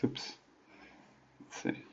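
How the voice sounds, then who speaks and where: A man's voice: extremely slow, darkish tone, highs cut off. A man teaching a geometry lesson over a whiteboard screencast, thinking aloud with many restarts and fillers. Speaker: math teacher. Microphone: tablet microphone.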